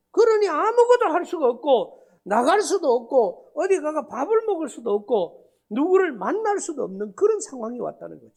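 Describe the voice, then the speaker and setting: A man preaching a revival sermon in a North Gyeongsang Korean accent, his pitch leaping up and down with lively energy. He tells his story dramatically, swinging between hushed asides and loud outbursts, and acts out the quoted dialogue. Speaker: pastor.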